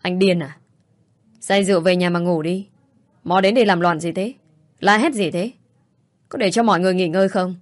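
An exasperated young woman, voiced by a woman storyteller in a storybook, scolding sharply with a raised voice. Her tone sits a little low. The recording is dry and close. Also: fairly even intonation, moderate pace, long pauses, a little mellow, dry recording.

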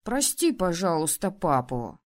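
A woman voicing a loving, remorseful husband in a read-aloud story, speaking in a soft pleading way. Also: lowish voice, sing-song, a little slow.

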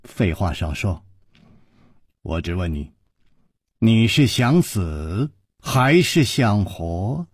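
A man's voice: sing-song, slow pace, pauses often, breathy edge, no echo, clean studio sound, full character voice. A man growling as a cold menacing old villain. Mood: cold menace. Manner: low, hushed, threatening snarl. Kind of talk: traditional storytelling performance.

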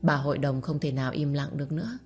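A woman narrating a dramatic audio story in a steady, expressive way. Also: sits low, fast, slightly rough, soft background music.

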